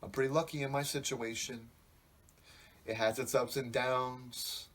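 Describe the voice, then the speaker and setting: This casual podcast monologue comes from a man in his twenties whose mid-range voice is steady, slightly slow, and a bit bright. He drifts through reflective thoughts, swearing liberally.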